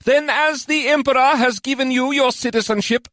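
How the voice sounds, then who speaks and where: High nasal elf noble, pompous, lilting, dry booth sound. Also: male voice, fairly even intonation, normal speed, a bit bright, no echo. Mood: proclaiming. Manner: grand, ceremonial proclamation. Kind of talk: audiobook character voice.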